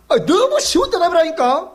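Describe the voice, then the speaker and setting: This male pastor's voice is very high and a bit bright, carrying a Gyeongsang accent from his South Gyeongsang roots. He preaches playfully at a weeknight Bible school in church, quizzing listeners and laughing a lot.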